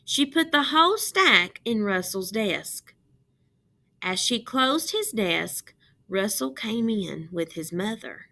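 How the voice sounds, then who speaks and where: A woman shares a picture book with children, reading expressively and deliberately in a medium-pitched, creaky voice and stopping to question her listeners.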